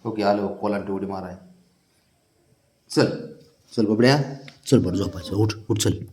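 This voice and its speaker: A man's voice: fairly low pitch, steady tone, a little slow, mellow. A man talking to his sulking cat in coaxing, singsong baby talk. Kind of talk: casual talk to a pet.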